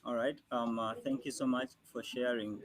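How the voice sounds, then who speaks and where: A man's voice: mid-range voice, fairly even intonation, moderate pace, low-quality recording. A man hosting a live youth call-in, hesitant with many fillers.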